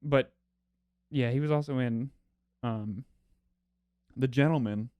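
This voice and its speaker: A man's voice: mid-range voice, slow, darkish tone, smooth, no room sound. A man co-hosting a podcast, retelling a film plot in a rambling way with lots of fillers. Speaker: podcast co-host. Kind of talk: casual chat.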